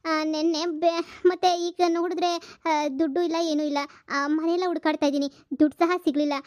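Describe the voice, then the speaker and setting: A woman voicing a stern, hard-up young husband who works as a delivery man, scolding fast in a cartoon comedy. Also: extremely high pitch, level tone, a little mellow, dry recording, clean studio sound. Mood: puzzled. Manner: scolding, lecturing, fast and insistent.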